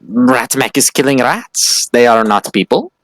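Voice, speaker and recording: A man's voice: mid-range voice, animated, measured pace, fairly bright tone, no room sound, pitched above the performer's own voice. A man voicing a small, sly rat creature that speaks in broken grammar and in the third person. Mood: insistent.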